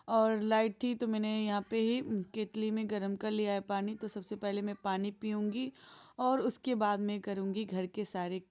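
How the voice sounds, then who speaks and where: A woman vlogger narrating her daily chores in a homely, chatty voice-over. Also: mid-range voice. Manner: homely, chatty, gentle storytelling.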